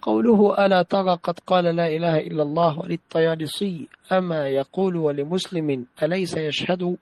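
A man with a high voice recites a classical text in a study session. He reads carefully and repeats phrases after a correction. The recording is dry, with no room sound. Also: brisk, darkish tone, no room sound, poor audio. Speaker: student reading a text aloud to a teacher.

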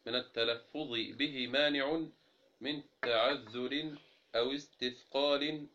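Bright-voiced student reading haltingly. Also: male voice, medium pitch, fairly even intonation. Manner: reads haltingly, phrase by phrase. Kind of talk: reading a grammar text aloud. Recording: dull lo-fi recording.

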